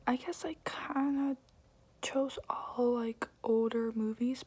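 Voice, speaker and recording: A young adult woman whispering softly and close up in a hesitant, rambling, casual ASMR question-and-answer style. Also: on the high side. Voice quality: breathy, unvoiced whisper. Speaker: ASMR video creator. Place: small room indoors, at home.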